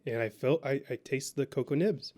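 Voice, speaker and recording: A man co-hosting a casual podcast, reading a label haltingly with many fillers. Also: mid-range voice, a little mellow. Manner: hesitant, lots of ums while reading. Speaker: podcast co-host.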